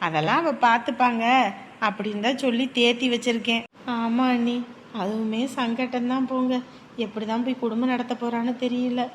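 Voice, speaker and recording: An actress playing a warm-hearted married aunt, talking earnestly. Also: female voice, fairly high pitch, steady tone, normal speed, a little hiss or hum, lightly acted. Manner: earnest, consoling, talkative. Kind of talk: village family drama.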